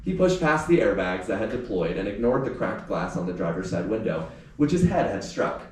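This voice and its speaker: A man, an author and teacher, speaks animatedly and fairly quickly in a lowish voice as he talks informally and reads his story at a live book event. A small live audience is present in the indoor venue. The distant mic picks up a very echoey room and faint noise.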